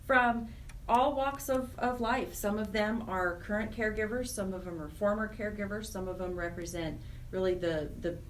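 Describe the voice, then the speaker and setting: A nonprofit program director, appearing as a radio interview guest, speaks conversationally and earnestly, repeating words to stress her points. Her mid-range voice comes at a moderate pace from far from the mic, with a little hiss or hum.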